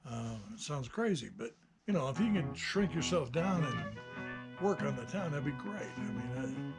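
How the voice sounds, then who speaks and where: Over loud music, a mid-range male voice with lively intonation moves at a moderate pace. He's sixty-nine, a hobbyist maker presenting his own channel, and his reflective vlog monologue is unscripted, hesitant and rambling.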